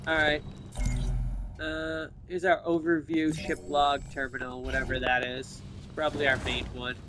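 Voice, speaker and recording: Hosting a gameplay video, a man offers casual commentary, thinking aloud and speculating as he plays. He speaks at normal speed in a level, somewhat high voice, with background noise present.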